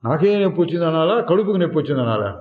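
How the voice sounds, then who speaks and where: Guy giving a satsang talk, tinny phone-like sound, bit high voice. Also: animated. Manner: slow, deliberate teaching with sung verse lines and rhetorical questions. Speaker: spiritual teacher. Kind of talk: satsang discourse. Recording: echoey hall, phone-like lo-fi sound.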